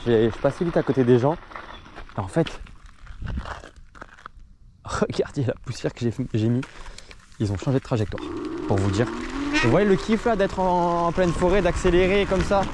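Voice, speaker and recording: A man's voice: fairly high pitch, normal speed. A young adult man chatting casually and enthusiastically, in an informal slangy way, as he vlogs from an electric scooter. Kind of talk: casual ride-along vlog chat. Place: outdoors, riding through streets and forest. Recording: noisy outdoor ride, vehicle and wind noise.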